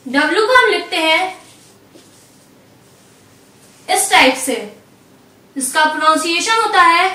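A woman with a very high, bright voice teaches a step-by-step language lesson, slow and patient, repeating each letter. She sits a little back from the mic in an echoey room. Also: animated, distant mic.

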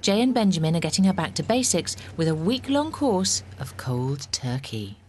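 A woman doing scripted documentary narration in a measured, wry way. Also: lowish voice, very animated, darkish tone, slight background noise.

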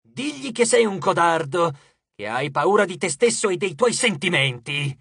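A man voicing an invisible male god of love who mocks and torments, speaking slowly and drawing out his words. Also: sits high, very animated, gravelly, fairly bright tone, slightly rough, no echo, studio quality, full character voice. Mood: taunting. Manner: slow, drawn-out, taunting delivery.

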